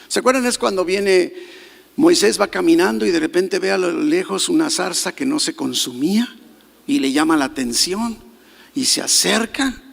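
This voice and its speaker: A man preaches from the pulpit, his high voice carrying a gravelly edge. He stresses his points and keeps checking in with the congregation. The sound rings with the long reverb of a church hall. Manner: emphatic, questioning the congregation. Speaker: pastor. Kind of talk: sermon.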